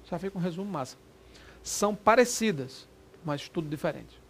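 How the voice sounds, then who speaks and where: A man teaching a Portuguese exam prep lesson in a lively, quick, informal way, often checking that the class follows. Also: high-pitched, a little hiss or hum.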